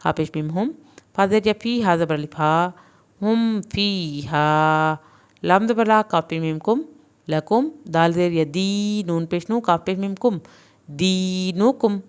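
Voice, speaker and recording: Female reading teacher, lower register, smooth clear tone; slow syllable-by-syllable drills with brisk explanatory asides. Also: darkish tone. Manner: spells out syllables slowly and deliberately, then blends them; explains rules in quicker, plain teacherly asides. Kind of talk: recorded online lesson.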